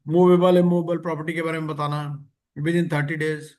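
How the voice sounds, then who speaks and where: A man teaching an exam-prep lecture, reading legal text slowly and explaining it. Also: a little high, level tone, a little mellow.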